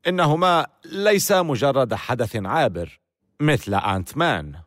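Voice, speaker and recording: A man's voice: medium pitch, big pitch swings, moderate pace, a bit bright, dry recording, studio quality. A man reading scripted documentary narration with a dramatic, storytelling delivery.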